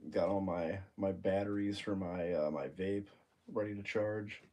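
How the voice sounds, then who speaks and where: This is a young man, stuffed up with a cold, talking casually on a livestream from his bedroom. His voice is low-pitched, warm and nasal, with fairly even intonation and a slightly slow pace. He rambles, cracks jokes and drifts off topic easily.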